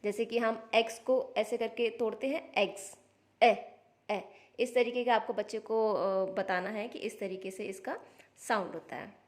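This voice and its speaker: A woman's voice: fairly high pitch, steady tone, normal speed, a little mellow. Patient woman explaining phonics. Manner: patient, explains step by step, sounds out letters. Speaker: homeschooling parent teaching phonics. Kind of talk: casual instructional vlog.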